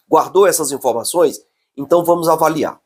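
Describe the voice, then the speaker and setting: A husky-voiced Brazilian man giving an online grammar lesson. He speaks in a slow, emphatic teacher's manner and keeps checking that the viewer is following. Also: on the high side. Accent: Brazilian Portuguese.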